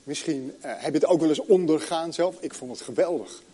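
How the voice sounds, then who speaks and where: A middle-aged man preaching a sermon, telling a story and reading scripture slowly with long pauses. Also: on the high side, mellow, breathy edge.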